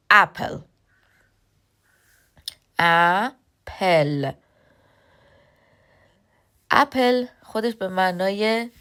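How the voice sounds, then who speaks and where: A woman teaching a beginner English lesson, patient, with frequent filler pauses, spelling words out slowly sound by sound. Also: medium pitch.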